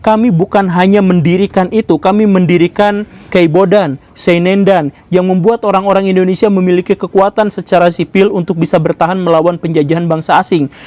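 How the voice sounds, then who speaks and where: A boastful, indignant Japanese man, put on by a male storyteller, lectures and scolds in a fairly high, dry voice. He piles up rhetorical questions and speaks with argumentative certainty. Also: a little mellow, no room sound, close to an everyday voice.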